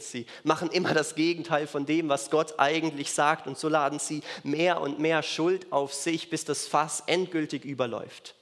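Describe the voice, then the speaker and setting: Man, sermon, earnest, repeats phrases, fairly high voice, long hall reverb. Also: fairly bright tone. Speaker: preacher.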